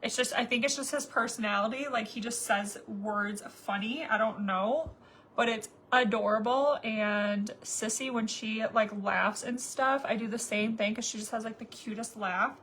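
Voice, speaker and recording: A woman's voice: on the high side, normal speed, a bit bright, a little hiss or hum. A woman in her thirties chatting casually to viewers while doing her makeup, rambling with lots of fillers. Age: 30s. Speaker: makeup vlogger.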